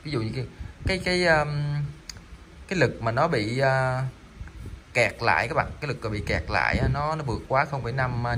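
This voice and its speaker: A man's voice: mid-range voice, background noise. A man selling salvaged electronic parts online, chatting casually while demonstrating them, rambling with frequent fillers and repeated words. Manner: rambling, stammering, lots of fillers.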